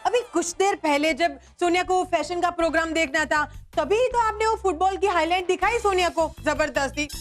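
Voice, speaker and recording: Casting: gentle peacemaker sister-in-law, high voice, TV serial. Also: female voice, moderate pace, hardly any pauses, faint music behind. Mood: coaxing. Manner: coaxing, explanatory. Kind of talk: TV serial acting.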